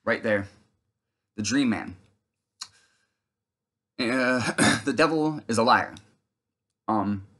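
A man in his thirties giving a rambling, earnest religious testimony, with many fillers and restarts. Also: medium pitch. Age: 30s. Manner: breaks off to shout at someone off camera. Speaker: video testifier.

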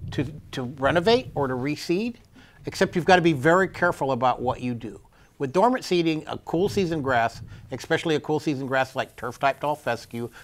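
A middle-aged man, a turfgrass specialist explaining things step by step to camera on a lapel mic in a studio. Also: a little high. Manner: plain-spoken, practical, explains step by step with restarts. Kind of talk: explanatory extension talk to camera. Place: indoor studio set.

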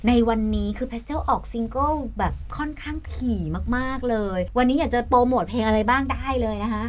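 A woman hosting a relaxed interview, her voice sitting slightly high. She teases her guests with playful questions, and there is a faint hum of background noise behind her. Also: fairly quick. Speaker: interviewer host. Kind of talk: casual interview chat.

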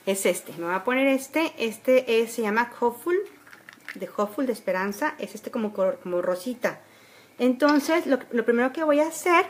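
A woman talks viewers through her makeup, chatty and unpolished, full of little fillers. Her voice sits a bit high, picked up by a phone held at arm's length in her bedroom. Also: slight background noise. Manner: chatty, homely, many fillers. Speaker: beauty vlogger. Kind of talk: casual makeup tutorial. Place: bedroom at home. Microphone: phone camera at arm's length.

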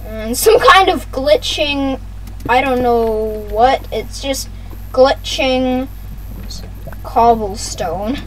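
A gaming host with a high-pitched, fairly bright voice talks slowly through casual gameplay commentary. He often repeats phrases and addresses viewers directly. The recording is low quality, with some faint background noise.

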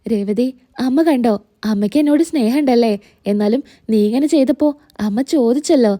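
A woman's voice: fairly high pitch, brisk, warm tone, no room sound, clean studio sound, voice pushed down, close to an everyday voice. A woman voicing a young husband who complains about his sore back and teases his wife. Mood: pleased. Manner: complaining, teasing.

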